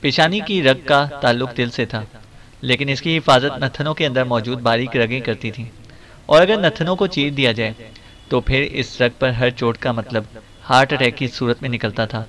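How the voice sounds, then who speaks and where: A man narrating a spy thriller audiobook at a middle pitch. He keeps a steady, dramatic storytelling pace. The reading sounds unhurried and even.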